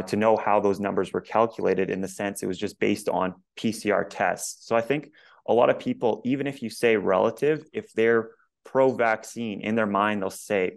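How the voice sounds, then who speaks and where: Low gravelly man with a tiring voice. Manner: measured, many "um" fillers, builds a long question. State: voice going hoarse. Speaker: podcast co-host. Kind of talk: conversational interview.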